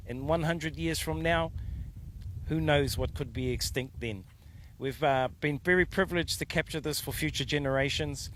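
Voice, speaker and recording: A man's voice: mid-range voice, low-quality recording. A man with a Māori New Zealand English accent reporting on location as a news presenter outdoors. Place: outdoors by a river valley. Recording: outdoor location with background vehicle noise.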